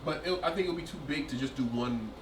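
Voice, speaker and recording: A man's voice: on the high side, fast. Man musing aloud in an echoey room. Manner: hesitant, thinks aloud with many fillers. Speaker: podcast co-host. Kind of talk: casual chat. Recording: echoey room, distant mic, faint noise.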